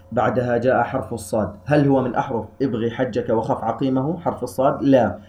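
Male teacher with a mid-pitched voice, steady and methodical, explaining recitation rules step by step. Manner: calm, methodical, slows sharply for recited verses. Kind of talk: explanatory tajweed lesson.

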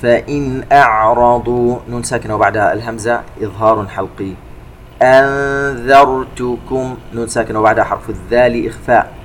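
A man giving a tajweed lesson, calmly explaining recitation rules between slow chanted verses. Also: medium pitch, a little hiss or hum. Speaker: Quran recitation teacher.

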